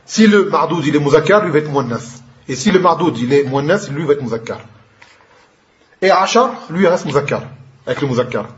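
A man's voice: on the high side, animated, fairly quick. A man teaching an Arabic grammar lesson, explaining patiently and mixing in Arabic terms. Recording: echoey room, dull lo-fi sound.

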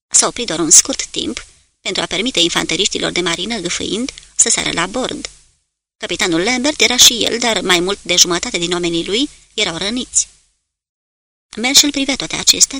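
Bright, gravelly woman narrating an audiobook. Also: lowish voice.

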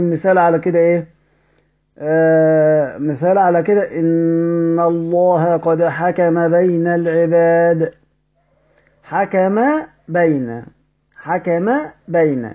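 A man's voice: a little high, a little mellow. Egyptian man teaching tajweed, lo-fi. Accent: Egyptian Arabic. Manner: explains rules, then chants verse examples slowly; asks questions of students, then answers them. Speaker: Quran recitation teacher. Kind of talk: recorded tajweed lesson. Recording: dull lo-fi audio recording.

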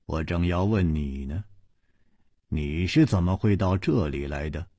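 A man voicing a shrewd young gentleman hero, speaking low, quiet and dry. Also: animated, measured pace, dry recording, full character voice. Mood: wry.

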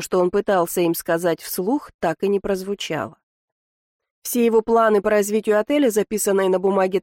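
A woman's voice: mid-range voice, a little mellow, no room sound, studio quality. A woman narrating a first-person audiobook with a wry, ironic storytelling manner.

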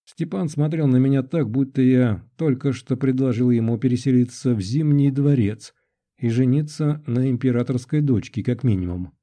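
A man narrating a novel in the first person in a calm, measured way. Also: mid-range voice. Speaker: audiobook narrator.

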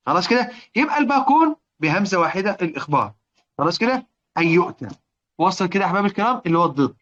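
A man with an Egyptian accent teaching Quranic recitation rules, often repeating points, checking on his listeners and chanting verse lines slowly. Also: sits high, sing-song, fairly bright tone, muffled recording. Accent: Egyptian Arabic. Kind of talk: explanatory lesson on Quranic reading rules.

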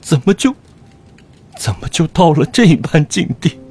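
A male actor playing a sick, grieving old court official in a Chinese historical audio drama, his voice hoarse, breathy and raspy, halting and theatrical. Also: on the low side, heavily acted. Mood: bitter, fearful. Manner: theatrical, halting, swinging from whisper to wail. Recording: music under the voice.

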